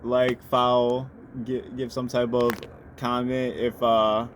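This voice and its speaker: Rambling dad vlogger on a noisy street. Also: male voice, mid-range voice, flat delivery, slow. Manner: rambling, filler-heavy, swears then apologizes. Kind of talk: casual chat to camera. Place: outdoors near a storage facility. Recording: outdoor street noise with passing vehicles.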